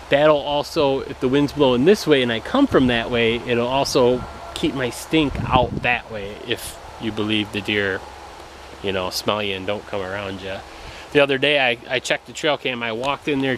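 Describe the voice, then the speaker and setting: A man's voice: mid-range voice, background noise. A man giving a casual vlog walk-through outdoors in the woods while out of breath, rambling with fillers and chuckles. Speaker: family vlogger.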